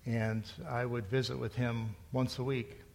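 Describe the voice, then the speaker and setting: A man's voice: medium pitch, little pitch movement, measured pace, vocal fry, a little mellow. A middle-aged male pastor preaching a sermon in a conversational storytelling way, rising to emphatic points. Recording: long hall reverb.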